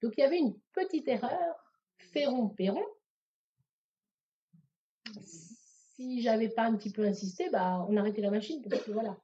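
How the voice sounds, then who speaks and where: Woman speaker at a talk, fairly high mellow voice, chatty and animated, acts out dialogue; dull lo-fi recording. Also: moderate pace, long pauses. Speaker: medium giving a public talk. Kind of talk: conference talk, personal storytelling.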